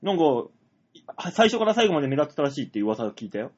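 Fast, lively high-voiced man teasing. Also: slightly rough. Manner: teasing, quick joking retorts. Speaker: radio show co-host. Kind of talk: comedy radio banter. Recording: dull lo-fi web radio audio.

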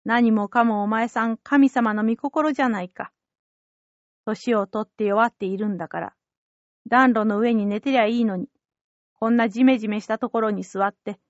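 A woman voicing a gruff, fatherly old fisherman who talks low and quietly in a rustic way. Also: normal speed, dry recording, lo-fi sound, close to an everyday voice. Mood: soothing. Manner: low, subdued country talk.

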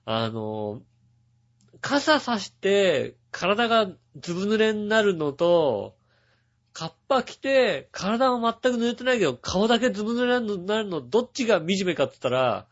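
A chatty male host spins a rambling personal story, his fairly high voice rising and falling in lively swings. The sound is dull and lo-fi. He talks casually, packing in fillers and little asides. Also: moderate pace. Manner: chatty, full of filler words and asides, chuckling. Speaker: radio show host.

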